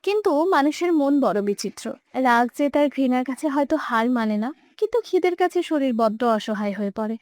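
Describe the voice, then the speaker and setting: High-voiced woman telling a love story. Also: expressive, moderate pace, few pauses, a little mellow, no room sound. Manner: emotive, dramatic storytelling. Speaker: narrator. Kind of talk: scripted narration.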